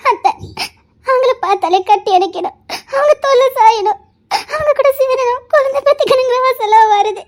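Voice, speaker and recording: A woman's voice: very high-pitched, normal speed. A woman voicing a tearful young bride-to-be in an audio love story, sobbing and choked as she speaks. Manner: sobbing, choked, laughing through tears. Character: tearful young bride-to-be, guilt-ridden and torn.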